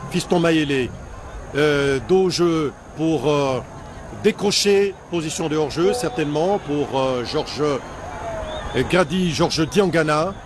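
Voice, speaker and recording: A male football commentator with a high voice delivers the match slowly. He hesitates often between short phrases, with clear noise behind him.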